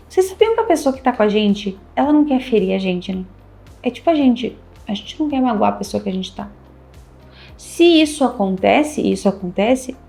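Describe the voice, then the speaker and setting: A woman's voice: fairly high pitch, creaky, dark tone. Emphatic Brazilian woman giving dating advice. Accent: Brazilian Portuguese. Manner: emphatic, repeats key phrases, acts out little dialogues. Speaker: relationship advice host and couples therapist. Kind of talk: casual advice talk to camera.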